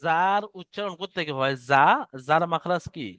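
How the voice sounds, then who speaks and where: A man teaching Quran recitation in an online lesson, chanting verses slowly and explaining pronunciation patiently. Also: fairly high pitch, fairly bright tone, smooth, no echo, clean studio sound.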